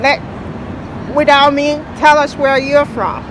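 High-voiced woman hosting outdoors. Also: steady tone, takes it slowly. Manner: hesitant, many fillers. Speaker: news host and interviewer. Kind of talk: unscripted news wrap and interview. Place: outdoors in a busy city park. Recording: outdoor park with crowd and traffic noise.

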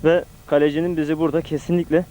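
A man speaks as an amateur footballer in a match interview. His voice is fairly high but mellow, and he talks very quickly between hesitations. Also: flat delivery, poor audio. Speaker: amateur football team member being interviewed. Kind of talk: pre- and post-match interview.

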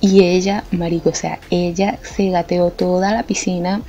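A young Venezuelan woman telling a funny anecdote in a lively, colloquial way, laughing often. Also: on the low side, moderate pace, a little hiss or hum. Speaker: art vlogger. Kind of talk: casual storytelling. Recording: slightly muffled with faint music. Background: faint background music.

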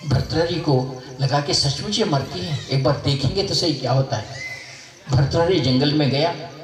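A man's voice: a little high, moderate pace. Man telling a story in an echoey hall. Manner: animated storytelling, acting out voices. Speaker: spiritual teacher. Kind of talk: storytelling sermon. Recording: echoey hall, mic far off.

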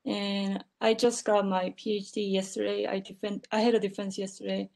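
Creaky-voiced woman from South Korea. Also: mid-range voice, little pitch movement, normal speed, a little mellow. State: tired. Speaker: early-career researcher. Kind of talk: online panel self-introduction. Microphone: video call.

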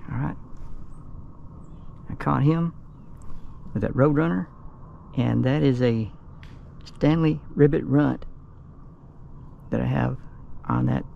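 A man's voice: mid-range voice, slow pace, vocal fry, pauses often, muffled recording, a little hiss or hum. A man vlogging his fishing trip from a kayak on a lake, explaining his technique in an easygoing way, recorded on a boat-mounted action camera. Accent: Southern American. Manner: easygoing, chuckles often, explains while fishing. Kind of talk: casual outdoor commentary. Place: kayak on flooded lake outdoors.

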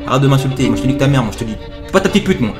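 A man playing a pushy phone-plan salesman who is quick to anger, using formal sales patter that turns into shouted insults. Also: mid-range voice, over music, lightly acted. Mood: angry insulting. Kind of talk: prank role-play on video chat.

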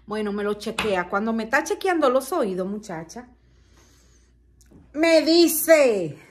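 High-voiced woman vlogger. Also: animated, slow pace, noisy background. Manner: dramatic, exclamatory storytelling. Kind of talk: casual storytelling to viewers.

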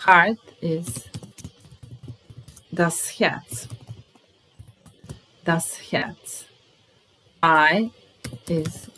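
Woman teacher for a vocabulary lesson, very slow and deliberate, a little low-pitched, repeats every word. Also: a little hiss or hum, rough recording. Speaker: language teacher.

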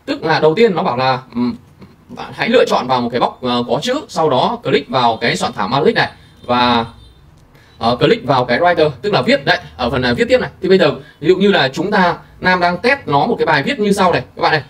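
A man hosting a screen-recorded software tutorial, talking casually to viewers with many fillers. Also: on the high side, sing-song, fast, far from the mic. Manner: chatty, filler-heavy, addresses viewers directly. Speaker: tutorial host.

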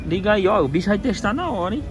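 A chatty man talks into a phone held at arm's length, his voice pitched a little high. Loud traffic and street noise fill the background. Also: very animated, quick pace. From Brazil. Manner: upbeat, chatty, keeps asking sellers prices. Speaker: vlogger. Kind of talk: casual vlog and market haggling. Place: inside a parked car, then an outdoor street market. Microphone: phone camera held at arm's length.

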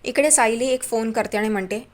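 A woman's voice: on the high side, fairly quick. A woman narrating a recap of a TV serial episode in a chatty storytelling way, adding mocking asides about the characters.

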